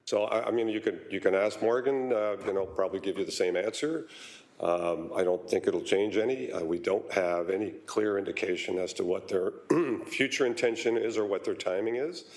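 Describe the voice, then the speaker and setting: A man serving as mayor, chairing a city council meeting in a measured way with frequent pauses and fillers. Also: fairly low pitch, a little mellow. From Canada.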